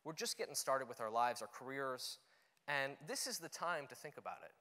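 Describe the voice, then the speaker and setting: A man's voice: mid-range voice, sing-song, moderate pace, bright, forceful tone. A young man giving an earnest, conversational talk on stage, with frequent "you know" fillers. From Canada. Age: young adult. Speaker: conference speaker. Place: auditorium stage. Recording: long hall reverb.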